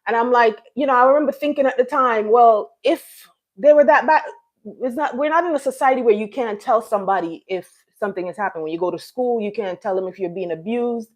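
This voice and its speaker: Her voice a little high and her delivery brisk, a middle-aged Jamaican live stream host talks loosely with viewers. The chat wanders, full of fillers and restarted sentences.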